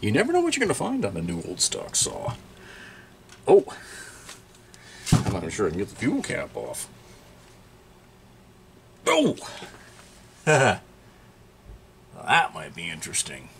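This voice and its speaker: A man's voice: on the low side, wildly swooping pitch, takes it slowly, long pauses, a little hiss or hum. A middle-aged man casually talking through an old tool on his workbench, thinking aloud as he works and bursting out in surprise. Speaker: chainsaw repair channel host. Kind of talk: casual workshop show-and-tell. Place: indoor repair workshop.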